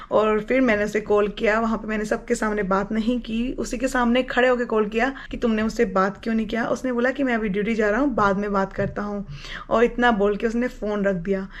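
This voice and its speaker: A woman's voice: a little high, lo-fi sound. A young woman from India chatting casually as she tells the story of how she met her partner, slipping English phrases into her speech. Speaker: vlogger telling her love story.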